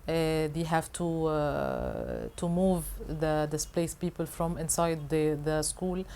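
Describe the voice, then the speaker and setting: A woman's voice: sits low, very animated, slow, creaky, mellow. A woman answering interview questions in a hesitant way, with many filler sounds and restarts. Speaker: interviewed guest reporter.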